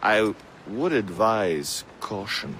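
Formal wry navy captain, low swooping voice, game cutscene. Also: male voice, expressive, slow pace, fairly bright tone, slight background noise. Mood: wry, helpful. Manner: formal, courteous. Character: courteous, wry 18th-century naval captain. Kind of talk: video game cutscene acting.

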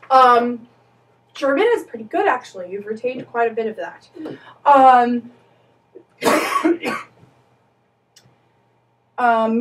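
A woman voice teacher coaching a singer, encouraging and precise in her corrections. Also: high-pitched. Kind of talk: voice lesson coaching. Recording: distant mic with piano.

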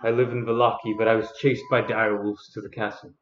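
A man voicing a gruff, subdued male prisoner in a tabletop game, pleading and speaking haltingly. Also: on the low side, flat delivery, lightly acted. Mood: guarded, halting. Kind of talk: tabletop role-play. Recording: dull, echoey video-call audio.

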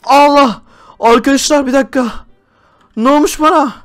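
Young male YouTuber, high bright-ish voice, excitable, shouts a lot during game role-play. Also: brisk, soft background music. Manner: excitable, shouts and exclaims often. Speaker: YouTuber host. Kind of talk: Minecraft role-play with commentary to viewers.

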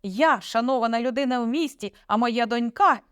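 A woman's voice: fairly high pitch, moderate pace, smooth, no room sound, voice pushed up, lightly acted. Brief: woman doing an angry, sarcastic storybook father, raised and strained, dry close sound. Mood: scornful. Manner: shouting, sarcastic, commanding. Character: stern domineering middle-aged father, furious.

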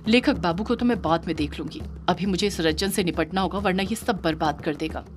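A woman's voice: lowish voice, fairly quick, lightly acted. Female yakshini spirit, voiced by a woman, defiant, devoted, firm delivery, horror audio story, faint music.

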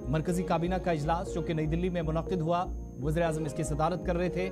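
A man's voice: fairly high pitch, flat delivery, fast. A man reading scripted television news in a formal, Urdu-flavored register. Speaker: news anchor. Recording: studio voice-over with background music.

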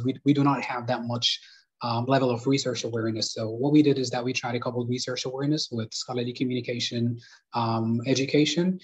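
Young sudanese guy on a video call, hesitant with lots of ums, monotone. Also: mid-range voice, husky. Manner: hesitant, many fillers and restarts. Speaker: panelist and moderator. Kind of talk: conference panel talk. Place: living room at home. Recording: dull lo-fi video call audio.

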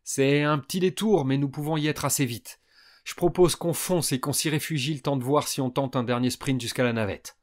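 A man voicing an energetic young boy who urges his friends on. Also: medium pitch, fairly quick, pitched above the performer's own voice, lightly acted. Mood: urgent. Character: excited adventurous boy, leader.

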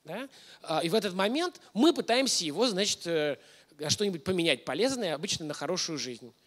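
A high-sitting, animated voice moves fairly quickly with a bit of brightness as this man, likely in his thirties, leads a masterclass. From the stage of an indoor hall, projection screen behind him, he lectures casually and often questions his audience.

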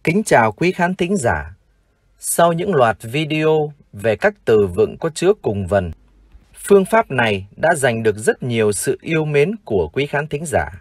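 A man with a Vietnamese accent teaching English vocabulary in a formal, slow lesson style, repeating each word for practice. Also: mid-range voice, very animated, dry recording, studio quality. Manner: formal, addresses "dear viewers", repeats words slowly for practice.

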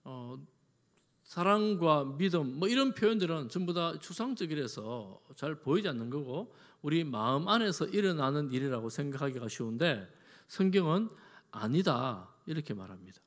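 Male pastor, sermon, chatty rhetorical questions, animated delivery, long church reverb. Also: a little high, normal speed. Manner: conversational preaching with rhetorical questions to the congregation. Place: church sanctuary.

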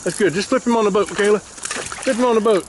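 Wind and water noise fill this outdoor clip from an action camera on a small canal fishing boat. The fishing guide aboard speaks high-pitched and fast, cheering and coaching his clients enthusiastically and praising them again and again.

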